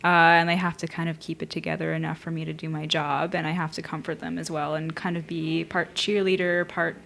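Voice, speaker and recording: A guest from Vancouver giving thoughtful, measured answers in a casual interview. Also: mid-range voice, level tone, creaky, fairly bright tone, a little hiss or hum. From Vancouver, Canada. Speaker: guest artist.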